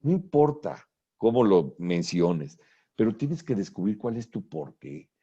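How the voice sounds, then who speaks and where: Male motivational speaker, husky low voice, lo-fi conference recording. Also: sing-song, a little slow, dark tone. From Mexico. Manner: earnest motivational lecturing, addresses listener directly. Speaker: real estate speaker. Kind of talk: conference presentation.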